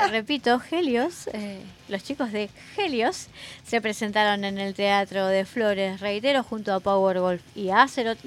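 An Argentine woman hosting a radio show, joking and laughing often and chiming in with quick agreement. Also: fairly high pitch, a little hiss or hum. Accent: Argentine Spanish. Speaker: radio host. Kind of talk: casual radio chat.

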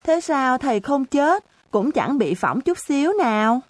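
A cheeky, naive little schoolgirl, put on by a woman reading an audiobook, chirps her stubborn questions in a raised, bright voice. Her delivery is slow and unhurried, and the recording is close and dry, with no room around it. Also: sits high, sing-song, no room sound, pitched above the performer's own voice, exaggerated voice. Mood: innocent, chirpy.

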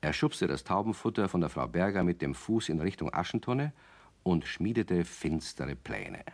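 A man narrates a children's radio play in a low, sing-song voice at a moderate pace, doing full character voices. He comes across as an avuncular, gently wry storyteller who speaks directly to his young listeners.

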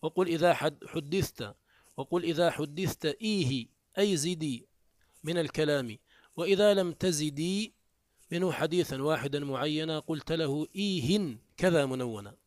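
A man teaches from a classical grammar text. His voice sits fairly high for a man and is recorded close and dry, with almost no room sound. He reads a phrase, then unpacks it, often restarting his words. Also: moderate pace, no room sound. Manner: reads a line of the text, then explains it, with frequent self-corrections. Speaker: teacher of Arabic morphology. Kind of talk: classical Arabic text lesson.

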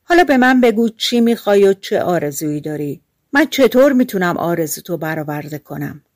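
A woman voicing a huge male forest giant who speaks slowly and solemnly, in a storybook reading. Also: fairly low pitch, animated, a little mellow, dry recording, studio quality, close to an everyday voice.

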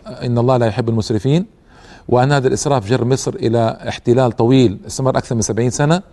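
A man's voice: mid-range voice, creaky, darkish tone. A man presenting a history lecture in formal Standard Arabic, in a didactic manner that speaks straight to the listener. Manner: didactic, addresses listeners with rhetorical questions and asides. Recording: long hall-like reverb.

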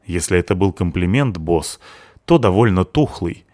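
A sullen, sharp-tongued seventeen-year-old girl from an audiobook, put on by a male reader. She speaks with weary sarcasm and bite. The voice stays low, recorded dry and close with no room echo. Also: lively intonation, moderate pace. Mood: bitter. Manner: bitter, sarcastic.

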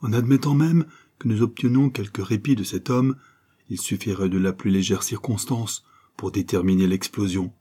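Audiobook role: anxious older father, husky, measured, read by a man. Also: fairly low pitch, fairly even intonation, dark tone. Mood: troubled. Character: anxious father, reasoning and troubled.

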